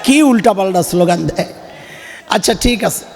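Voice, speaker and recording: High-voiced preacher man shouting a sermon. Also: animated, moderate pace, gravelly. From Bangladesh. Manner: shouting, joking, rhetorical calls to the crowd. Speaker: Islamic preacher. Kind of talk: fiery humorous sermon. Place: religious gathering at a school ground. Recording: reverberant PA sound with long echo.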